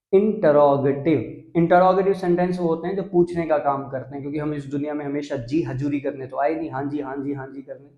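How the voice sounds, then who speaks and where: A man's voice: a little high, a little mellow, reverberant, highs cut off. A young Indian man teaching English grammar on a video channel, explaining step by step and mixing English terms into Hindi. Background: dogs barking.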